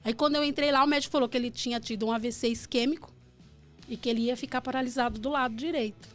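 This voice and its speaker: A woman's voice: a little high, fairly even intonation, quick pace, faint music behind. A Brazilian woman guest telling an emotional personal story in a radio studio, earnest and heartfelt. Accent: Brazilian Portuguese. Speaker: guest, author of a book.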